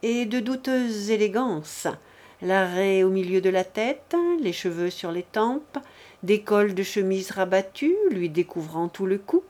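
A woman narrating a literary novel as an audiobook, reading in a measured, deliberate way. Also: mid-range voice, mellow.

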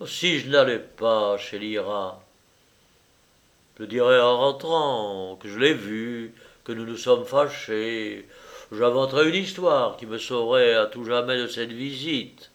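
A man reads a first-person novel aloud at an unhurried, deliberate pace. His voice is mid-pitched and he tells it in a confiding, expressive way. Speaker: audiobook narrator. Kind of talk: literary first-person narration.

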